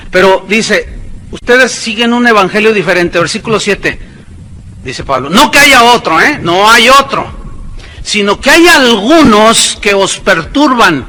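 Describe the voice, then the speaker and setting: A man preaching a sermon as a pastor, with sarcastic asides and quick mimicking voices. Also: high voice, very animated, bright, forceful tone, a little hiss or hum, low-quality recording.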